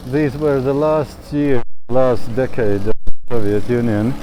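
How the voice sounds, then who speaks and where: A man in his thirties from Latvia, speaking in a slow, thoughtful personal monologue and laughing often as he talks. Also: medium pitch, background noise. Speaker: travel vlogger. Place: outdoors in a town.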